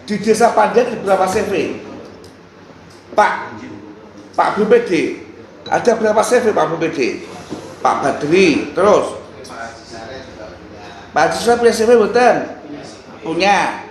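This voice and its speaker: A man speaking at a council hearing, halting and pausing, sometimes turning to question others in the room. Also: high-pitched, expressive. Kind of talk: spontaneous public address. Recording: echoey room with faint background noise.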